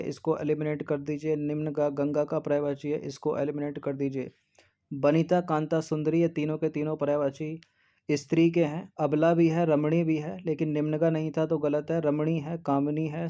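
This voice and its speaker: A male tutor walks through a test paper methodically, reading each option aloud and ruling it out. His voice is mellow and fairly high, but his delivery stays level and flat. The recording sounds dull and lo-fi. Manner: methodical, reads options aloud and eliminates them one by one. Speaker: exam-prep teacher. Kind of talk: explaining a Hindi test paper.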